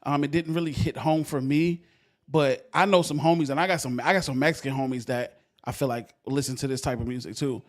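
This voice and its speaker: A man's voice: mid-range voice, steady tone, a little fast. Young male host of a music review stream, laid-back and jokey, heavy slang. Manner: loose, joking slang-heavy talk. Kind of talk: casual livestream music review.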